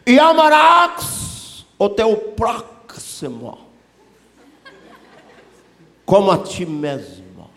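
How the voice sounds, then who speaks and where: A preacher playing a pompous scholar. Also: male voice, high voice, huge pitch swings, pitched above the performer's own voice, full character voice. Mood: grandiose. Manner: slow, loud, solemn recitation. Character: pompous male scholar of the law, showing off. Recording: echoey church hall.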